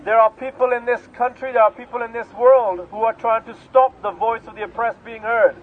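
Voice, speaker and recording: A man's voice: very high-pitched, fairly even intonation, brisk. Man giving an impassioned rally speech. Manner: impassioned, leads chants. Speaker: rally speaker. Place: outdoor street rally. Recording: tinny lo-fi outdoor recording.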